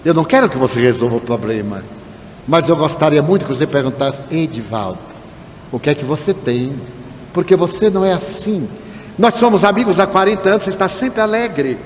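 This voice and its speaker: A man voicing a resentful seventy-year-old woman who reproaches an old friend, with a fairly high voice in an echoey hall. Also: lively intonation, a little fast, lightly acted. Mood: reproachful. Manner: reproachful, complaining. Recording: echoey hall with faint noise.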